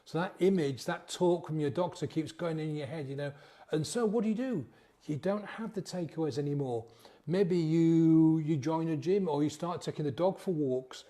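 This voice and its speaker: With a dark tone, a voice on the high side and a moderate pace, a man coaches on sobriety in a laid-back motivational talk. He checks in often with "yeah?" and acts out inner voices in a conversational way.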